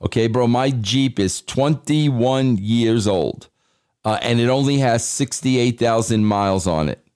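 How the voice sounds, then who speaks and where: A man's voice: medium pitch, a little slow, darkish tone, clean tone, no room sound, studio quality. A man talking in casual chat, rambling and stammering, saying "bro" all the time.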